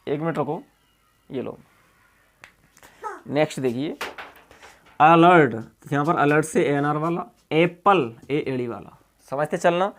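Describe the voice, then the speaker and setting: A male teacher walks through examples at an unhurried classroom pace. He talks in a casual, everyday way, often checking in with "okay" and "see here." He spells words letter by letter and repeats each one so it sinks in. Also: a little high, a little hiss or hum. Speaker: English teacher. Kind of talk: classroom-style explanation.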